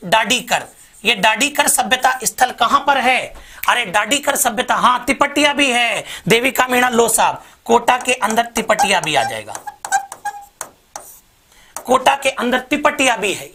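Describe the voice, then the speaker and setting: A man's voice: very high-pitched, measured pace. A man teaching an online exam-prep lesson, drilling viewers with repeated mnemonics. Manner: lively, repetitive drilling, addresses viewers as bhai sahab.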